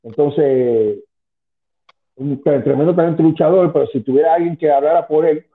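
Over a tinny phone line, a former wrestling manager in his fifties talks as an interview guest at normal speed, his voice on the high side. Of Spanish-speaking origin and in the US since age ten, he rambles through the casual call with plenty of restarts and asides.

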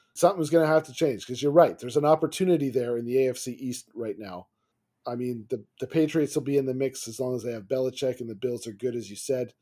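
A man co-hosting a sports podcast, talking in long runs with restarts and getting animated and laughing when riled. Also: mid-range voice. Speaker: podcast co-host. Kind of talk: casual sports podcast chat.

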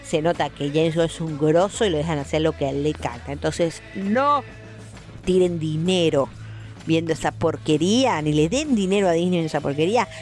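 Rioplatense woman film reviewer, low-pitched, fiery and blunt, hammers points by repeating them; faint music under her. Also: a little fast, a little mellow. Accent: Rioplatense Spanish. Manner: emphatic, repeats phrases for effect; passionate, blunt, swears freely.

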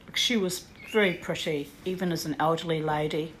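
A woman in her sixties telling a personal ghost story in a rambling way, full of "you know" and "like", now and then clearing her throat. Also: sits low, fairly even intonation, a little fast.

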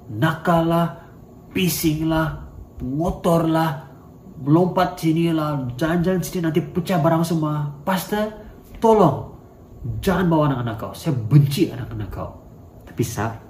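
A preacher puts on a pushy man who invites his pastor to dinner but hates his kids. He wheedles, then turns blunt, and slips in English. The voice is warm and mellow and echoes around the room. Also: a little high, a little hiss or hum, natural voice.

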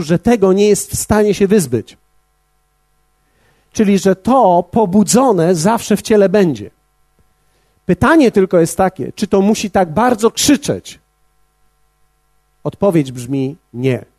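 A man preaching a sermon as pastor, measured and speaking directly to his congregation. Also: sits high, warm tone, no echo.

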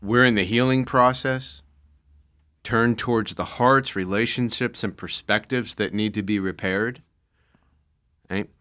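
A middle-aged man co-hosting a casual faith podcast discussion, playful and quick to laugh at himself. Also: fairly low pitch, steady tone, sharp tone. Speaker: podcast co-host.

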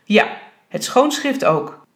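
A self-important male schoolteacher who talks in a pedantic, officious tone, as a woman reading a novel aloud puts him on. He lays out rules with fussy care and sounds pleased with himself. It is a storybook reading in her own voice, lifted a little higher. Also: slow, lightly acted.

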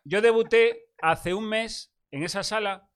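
A man's voice: high voice, a little slow, a bit bright, clean tone. A middle-aged man telling a comic story with swearing and sound effects on a banter show. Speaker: co-host.

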